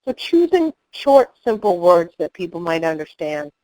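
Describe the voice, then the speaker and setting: A middle-aged woman giving a training webinar, speaking in a clear, measured instructional way. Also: fairly low pitch, big pitch swings, darkish tone, poor audio.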